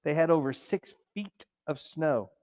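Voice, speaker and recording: A man's voice: a little high, expressive, a little slow, darkish tone. A middle-aged man preaching a sermon as pastor, in a conversational way, now and then mimicking complainers in a raised whiny voice.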